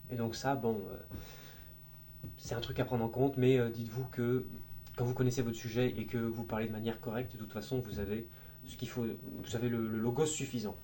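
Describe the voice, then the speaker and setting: A man with a mellow, warm voice walks through speaking advice in a relaxed, informal way. He talks with plenty of expression and now and then drops a crude word. A faint hum sits behind him. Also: mid-range voice, a little fast. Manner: lively, demonstrates voices and tones as he explains; informal, occasional crude slang. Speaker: video creator giving speaking tips. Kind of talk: casual explainer video.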